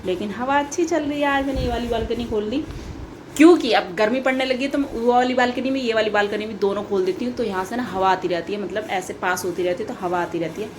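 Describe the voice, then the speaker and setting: A woman's voice: fairly high pitch, fast talker, background noise. A young woman vlogging at home by an open balcony, chatting casually and repeating herself as she complains playfully. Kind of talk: casual vlog chat. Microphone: camera on a tripod.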